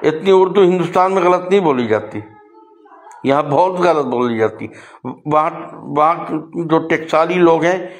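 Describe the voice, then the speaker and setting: An older man and poet, speaking in an earnest, lecturing way and giving examples. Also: fairly high pitch. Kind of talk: casual spoken talk on language.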